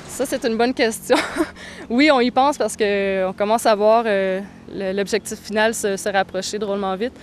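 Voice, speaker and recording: A young woman, answering interview questions thoughtfully, with frequent pauses. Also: medium pitch, steady tone, slight background noise. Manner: thoughtful, hesitant, many pauses. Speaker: touring cyclist interviewee.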